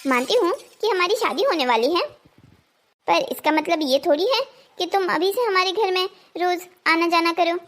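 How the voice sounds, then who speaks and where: A woman's voice: extremely high pitch, normal speed, a bit bright. A woman voicing a confused, indignant twenty-one-year-old woman in a cartoon story. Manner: indignant, bewildered. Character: young woman of 21, confused and stubborn.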